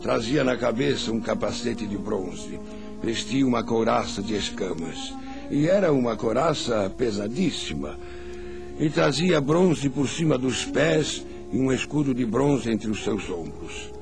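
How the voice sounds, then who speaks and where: An older man narrating a Bible story for children as a grandfather, solemn and deliberate, in a dramatic storyteller's way. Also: mid-range voice, expressive, creaky. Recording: music under the voice.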